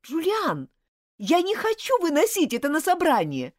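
A woman reading an audiobook, voicing a fiery schoolgirl monitor who is indignant and insistent, with shrill outbursts. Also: very animated, moderate pace, no echo, studio quality. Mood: pleading. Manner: shrill, pleading, loud outbursts.

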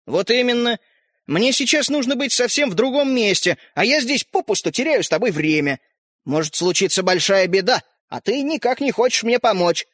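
A man's voice: very high voice, lively intonation, a bit bright, no echo, clean studio sound, exaggerated voice. A man voicing a touchy boastful tiny fairy-tale man. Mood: urgent. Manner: huffy, lecturing, quick to take offence.

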